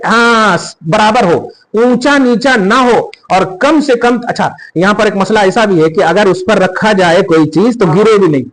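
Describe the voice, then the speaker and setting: In this podcast, a man teaches Islamic prayer step by step, emphatic and checking that the listener grasps it. His high, slightly bright voice is a little slow with hardly any pauses, and the audio is poor.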